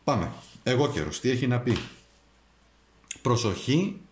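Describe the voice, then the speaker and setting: A man's voice: medium pitch, animated, slight background noise. A man giving a tarot reading to camera, addressing the viewer directly with advice. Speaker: tarot reader and astrologer. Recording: echoey room.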